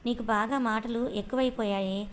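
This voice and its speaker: A woman voicing a weary, slightly sulky middle-aged mother who speaks slowly and grumbles. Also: fairly high pitch, fairly even intonation, slight background noise, close to an everyday voice.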